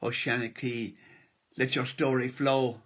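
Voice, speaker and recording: A man's voice: medium pitch, level tone, a little slow, a bit bright, highs cut off. An Irish man reading aloud from a prepared talk in a lilting storyteller's manner, like a local history speaker reciting. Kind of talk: prepared talk read aloud, with quotations and poetry.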